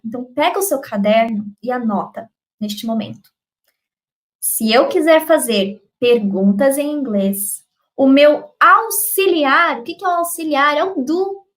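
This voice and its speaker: A woman's voice: high voice, a bit bright. A woman with a Brazilian Portuguese accent teaching an English class on a live stream, upbeat, often checking in with her students. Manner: upbeat, checks in constantly with "ok?" and "beleza?". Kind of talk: live online English lesson.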